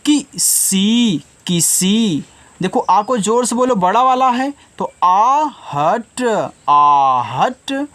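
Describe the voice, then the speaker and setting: Slow, patient man sounding out syllables. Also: high voice, a bit bright. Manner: sounds out syllables slowly, then says the whole word. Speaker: teacher. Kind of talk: slow Hindi reading lesson for children.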